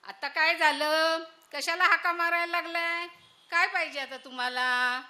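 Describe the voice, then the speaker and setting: Sharp-tongued village daughter-in-law, played by a woman, bright, unhurried delivery. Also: very high voice, steady tone, exaggerated voice. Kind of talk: solo stage monologue.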